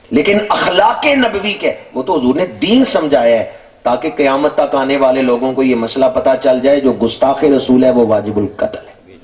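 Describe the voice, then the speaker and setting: A man's voice: medium pitch, a little mellow, recorded from a distance. A man preaching a sermon at a religious gathering, emphatic, with rising questions to the listeners.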